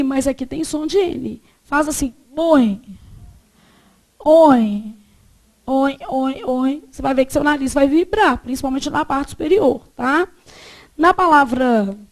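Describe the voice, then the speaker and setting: A woman teaches a grammar lesson. Her voice sits high and she talks at an unhurried pace. She keeps putting questions to the class and then answering them herself.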